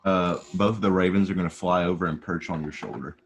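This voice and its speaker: Low-key male player, deep gravelly voice, faint noise. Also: fairly even intonation, quick pace. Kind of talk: casual tabletop play.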